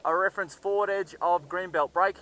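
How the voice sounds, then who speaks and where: A man's voice: high voice, fairly even intonation, brisk, sharp tone. A man, a soldier, giving blunt, slangy orders and terse radio calls outdoors. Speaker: soldier, troop commander. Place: outdoors on an open rocky hillside. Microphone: body-worn action camera. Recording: noisy outdoor body camera audio.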